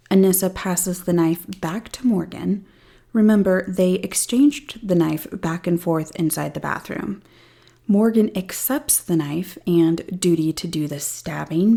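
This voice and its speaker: A woman's voice: fairly low pitch, creaky, warm tone. A woman hosting a true crime podcast, retelling a case with dry, sarcastic asides. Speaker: podcast host. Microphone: studio-style podcast mic.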